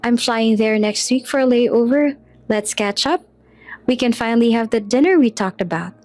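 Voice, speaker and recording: A woman's voice: fairly high pitch, moderate pace, a little mellow, no echo, natural voice. A woman voicing a breezy, flirty flight attendant in a spoken storybook.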